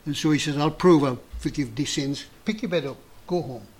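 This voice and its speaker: A man preaching a sermon in an earnest, emphatic way with dramatic pauses. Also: fairly high pitch, breathy edge.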